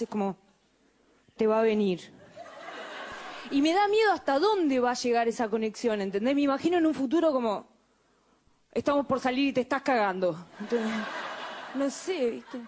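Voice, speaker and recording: High-voiced Argentine woman comic. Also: lively intonation, normal speed, a little mellow, a faint crowd, slight background noise. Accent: Argentine Spanish. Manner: wry, conversational asides, frequent laughs. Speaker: stand-up comedian. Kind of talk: stand-up routine.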